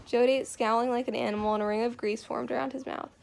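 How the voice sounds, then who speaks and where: Woman reading a novel aloud, gravelly. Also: fairly high pitch, fairly even intonation, fast talker, darkish tone. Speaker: reader.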